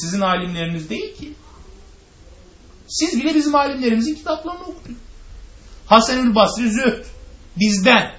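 A man teaching a religious class poses rhetorical questions, answers them himself, and speaks straight to his listeners in lecture style. His high voice is slightly bright, and the audio sounds dull and roomy.

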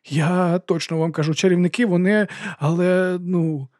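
A man's voice: high-pitched, fairly even intonation, moderate pace, a little mellow, no echo, clean studio sound, pitched above the performer's own voice, lightly acted. A man doing an eager, dim young rocker. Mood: excited.

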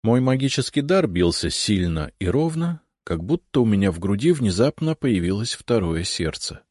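A man narrating a fantasy audiobook in the first person, expressive and polite in dialogue. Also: fairly low pitch, moderate pace, no room sound, clean studio sound.

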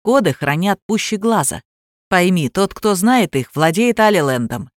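A woman's voice: on the low side, animated, moderate pace, no room sound, studio quality, lightly acted. A woman voicing a man, an obsessive gamer who thinks he is a god, smug and domineering, in an audiobook reading. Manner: smug, then shrieking in fury. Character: self-styled god, obsessive male gamer.

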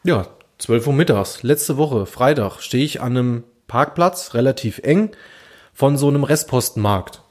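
A man telling everyday work anecdotes in casual chat, lively and full of fillers. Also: medium pitch, a little slow. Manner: lively anecdotal, with many fillers and acted dialogue. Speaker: podcast co-host telling anecdotes. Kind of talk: casual storytelling.

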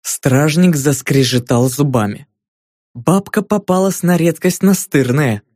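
Man, audiobook narrator, fairly high voice, expressive reading, dry close sound. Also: a little slow, no echo. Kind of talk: scripted fantasy audiobook narration.

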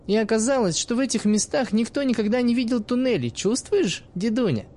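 A man voicing a cheeky, quick-tempered young woman who mocks and swears freely in a raised, high-pitched voice. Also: lively intonation, mellow. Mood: cocky. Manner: cocky, mocking, swears freely.

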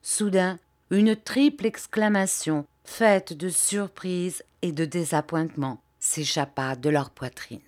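A woman narrating an audiobook in a measured, expressive way. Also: lowish voice, dry recording, clean studio sound.

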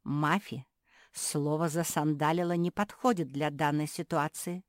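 A woman's voice: low voice, steady tone, unhurried, no room sound, studio quality. A woman voicing a prim elder female pug who lectures her sisters reproachfully, in a storybook reading. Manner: reproachful, instructive. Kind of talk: storybook character voice.

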